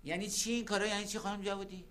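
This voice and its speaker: A man's voice: high voice, flat delivery, pushed and bright. A man playing a flustered, fussy office clerk in a TV drama. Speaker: office worker. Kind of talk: TV drama acting.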